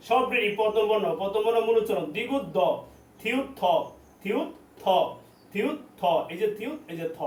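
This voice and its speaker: A man teaching a language class and drilling letter names, repeating each one slowly. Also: high-pitched, slight background noise. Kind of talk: classroom lesson. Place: training center classroom. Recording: echoey room, mic at a distance.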